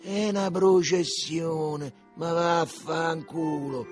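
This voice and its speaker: A man's voice: fairly high pitch, sing-song, normal speed, faint music behind, voice pushed up. A man voicing Lenzetta, a cocky Roman street boy, with a brash, mocking Roman accent in an audiobook. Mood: scoffing. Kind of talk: audiobook character voice.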